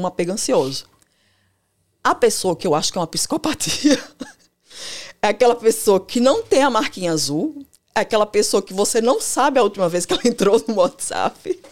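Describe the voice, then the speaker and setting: Animated woman explaining. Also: medium pitch, a little fast. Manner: animated, acts out quotes, laughs easily. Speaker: family and couples therapist, guest. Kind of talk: explanatory podcast conversation.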